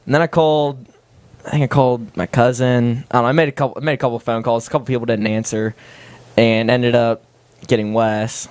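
A man's voice: medium pitch, little pitch movement, brisk, darkish tone, clean tone, no echo. Young man telling a story, dry sound. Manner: laughing while telling an anecdote. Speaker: podcast co-host. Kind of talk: casual storytelling chat.

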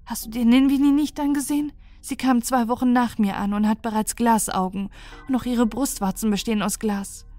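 A woman's voice: on the high side, steady tone, a little fast, warm tone, no room sound, pitched above the performer's own voice, natural voice. Woman voicing a despairing alien girl. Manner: pleading, trembling with despair. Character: young female alien weaver, fearful and despairing. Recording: dry close recording with faint music.

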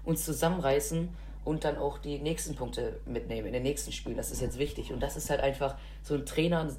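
Low-voiced chatty woman, casual chat. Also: a little fast, darkish tone, a little hiss or hum. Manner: enthusiastic, chatty, many fillers. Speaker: football podcast co-host.

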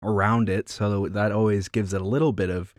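A man with a fairly low voice chats casually as a co-host, hesitant and full of restarts. His voice comes through a glitchy internet connection as robotic, low sample rate audio. The signal is dry, with no room sound. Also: fairly even intonation, no echo. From Rochester, New York. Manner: easygoing, halting, with many fillers and restarts. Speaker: co-host reviewing beer. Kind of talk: casual chat. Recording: glitchy low-quality online call audio.

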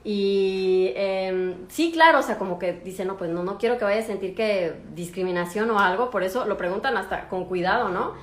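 A woman's voice: medium pitch, normal speed, hardly any pauses, reverberant. A woman with a Mexican accent, a doctor chatting casually with viewers in a livestream and acting out what patients say. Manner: chatty, animated, acts out patients' lines. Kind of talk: casual live chat with viewers.

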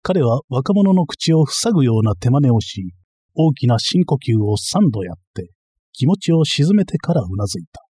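Husky male storyteller, dark and dry. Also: medium pitch, big pitch swings, dry recording. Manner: measured storytelling, voicing every character himself. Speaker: audiobook narrator. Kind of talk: reading a historical comic novel.

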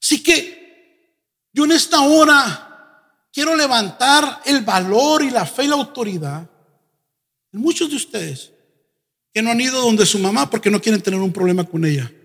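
A man preaching a sermon as pastor, animated and often mimicking congregants in quick asides. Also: very high voice. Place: church sanctuary. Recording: church hall with long reverb.

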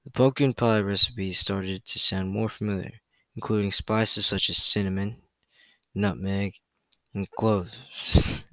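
Young man, podcast host, bright forceful voice, chatty and rambling, stumbles over words, dry close sound. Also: fairly low pitch, fairly even intonation, takes it slowly, no echo, rough recording. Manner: loose and chatty, fillers and self-corrections, stumbles over words. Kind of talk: casual solo podcast reading facts.

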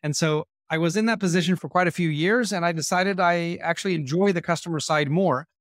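Appearing as a podcast guest, an Israeli-accented marketing executive in his forties shares his career path with candid self-deprecation. The studio-quality recording has no echo, and his fairly high, slightly bright voice moves fairly quickly.

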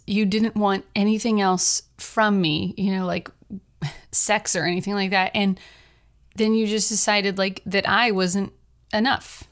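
A young adult woman hosting her own podcast, telling personal stories in a chatty, rambling way with frequent laughs. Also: medium pitch. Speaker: podcast host, writer. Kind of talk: casual personal monologue.

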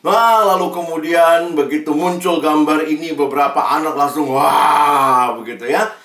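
Preacher with a lively storytelling delivery. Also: mid-range voice, normal speed. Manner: lively storytelling, addresses listeners directly. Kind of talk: sermon to an online congregation. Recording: roomy sound, distant mic.

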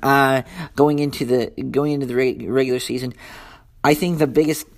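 A man's voice: medium pitch, fairly even intonation, normal speed, gravelly. A young American man hosting a casual solo sports talk, rambling through his thoughts with many fillers and restarts. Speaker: sports podcast host.

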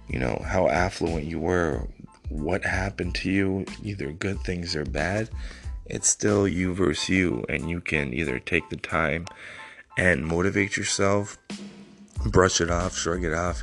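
A man from Ukraine in his thirties hosting a solo podcast, talking off the cuff in a reflective, motivational way, rambling with lots of "I mean" and "you know.". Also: sits low. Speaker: podcast host. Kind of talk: unscripted solo podcast monologue.

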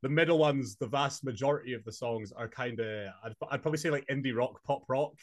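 A young adult man from Scotland with a Highland Scottish accent, chatting casually as an interview guest. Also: brisk. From Inverness, Scotland. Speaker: podcast guest, singer-songwriter.

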